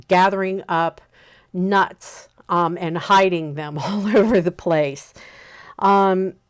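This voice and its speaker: A woman in her fifties hosting a relaxed spoken lesson, unhurried and often pausing to check in with an "okay?". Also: on the low side, smooth. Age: 50s. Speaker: host teaching on pagan practice.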